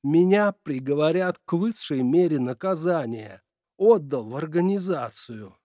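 A man's voice: fairly high pitch, expressive, measured pace, warm tone, dry recording, clean studio sound. A man doing a trembling, panicked father. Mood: despairing. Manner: trembling, pleading. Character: anxious middle-aged male engineer father.

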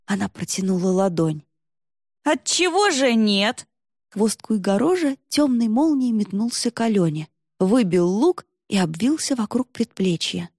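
A woman narrating an audiobook in an even, measured way. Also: mid-range voice, breathy edge, dry recording, studio quality. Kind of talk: scripted narration.

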